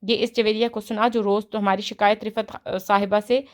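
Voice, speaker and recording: A woman voicing a lively, sharp-tongued young woman doctor who teases everyone around her. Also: medium pitch, lightly acted. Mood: teasing. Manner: teasing, cheeky.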